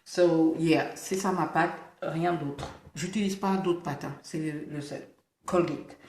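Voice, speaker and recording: A woman gives casual beauty advice to her viewers. She lisps, so her s sounds slide toward a slushy sh. Her delivery is informal and emphatic, dotted with English interjections, and the room adds a clear echo. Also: sits low, fairly even intonation, takes it slowly, darkish tone, slight background noise. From Senegal. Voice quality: lisp, slushy sh-like s. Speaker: beauty vlogger. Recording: roomy, echoing indoor sound.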